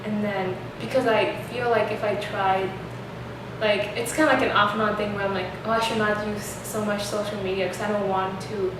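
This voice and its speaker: A woman's voice: mid-range voice, little pitch movement, moderate pace. Rambling young woman host in echoey room. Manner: rambling, many fillers like "like". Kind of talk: casual chat. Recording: echoey room, distant mic, noisy.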